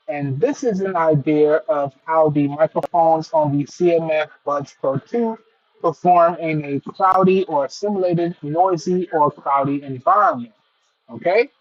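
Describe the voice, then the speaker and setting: A man's voice: fairly high pitch, muffled recording. A man heard through a Bluetooth earbud mic, chatting casually at home as he tests a pair of wireless earbuds and keeps addressing his viewers. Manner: chatty and repetitive, keeps addressing "guys and gals". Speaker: tech reviewer testing earbuds. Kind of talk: casual product test vlog. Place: room at home with a TV. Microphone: wireless earbuds over Bluetooth.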